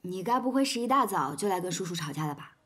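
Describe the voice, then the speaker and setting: A woman's voice: fairly low pitch, lively intonation, quick pace, fairly bright tone. An actress in her twenties playing a friendly, playful young peacemaker in a TV drama. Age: 20s. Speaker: actor in a TV drama. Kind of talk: Chinese TV drama acting.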